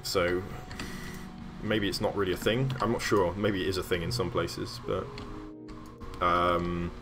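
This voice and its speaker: A man's voice: deep voice, flat delivery, measured pace, over music. A man streaming while he builds, chatting casually and rambling with many fillers and restarts.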